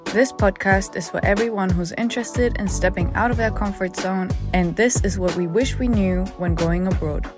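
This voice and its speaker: A woman's voice: medium pitch, normal speed, hardly any pauses. A woman hosting a podcast, reading a friendly scripted welcome at the start of the show. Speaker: podcast host. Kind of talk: show intro. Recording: intro voice over music.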